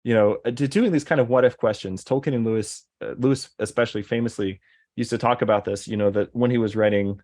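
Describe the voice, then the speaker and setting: Talking fast in a medium-pitched, darkish voice, this Deep South man chats casually as a guest. He wanders off track, restarting often and leaning on fillers.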